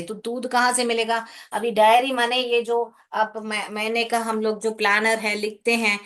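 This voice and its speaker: A woman teacher running an online English class in Hindi, patiently repeating each word slowly so students catch the pronunciation. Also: a little high, a bit bright. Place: home setup, screen-sharing online class.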